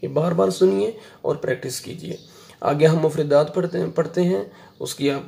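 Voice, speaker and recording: A middle-aged man teaching Quranic letters, patiently drilling each sound and repeating it slowly and loudly. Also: on the high side, steady tone, vocal fry. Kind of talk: Quran recitation lesson.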